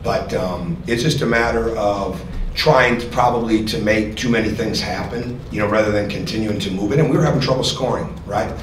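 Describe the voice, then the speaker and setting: A man's voice: lowish voice, brisk. Man at a press-room podium. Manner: earnest, repeats words while thinking. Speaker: basketball coach. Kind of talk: postgame press conference. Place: press room with sponsor backdrop. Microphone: podium mic. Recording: echoey room, distant mic, noisy.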